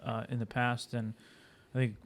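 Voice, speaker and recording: A man's voice: medium pitch, little pitch movement, normal speed. A man hosting a podcast, asking friendly, rambling questions full of fillers. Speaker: podcast host. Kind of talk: casual interview talk.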